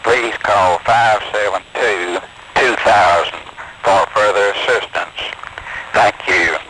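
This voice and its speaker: A recorded phone message in a deep male voice, heard over a hissing, noisy old line. He reads each number slowly and evenly, like a stock intercept announcement. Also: fairly even intonation. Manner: slow, measured, evenly spaced number reading. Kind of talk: scripted automated announcement.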